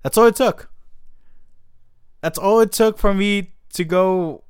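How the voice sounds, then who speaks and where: A man's voice: high voice, slow, smooth, no room sound, clean studio sound. A man hosting a podcast, telling a story in a casual, profane, exasperated and self-mocking way. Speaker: podcast host.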